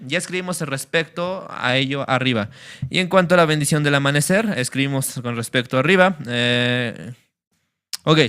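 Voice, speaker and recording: A man teaching a religious class in a casual, explanatory way, often pausing with fillers and checking that his listeners follow. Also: a little high, bright, forceful tone, clean tone.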